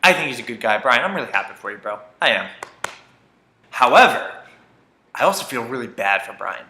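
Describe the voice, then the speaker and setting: A young man talks through a reality show recap in a loose, opinionated vlog style, cursing freely and restarting his sentences. His voice is bright and a little sharp. The room around him rings with a noticeable echo. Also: medium pitch, fairly quick, a little hiss or hum. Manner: animated, opinionated, swears freely, frequent likes and restarts.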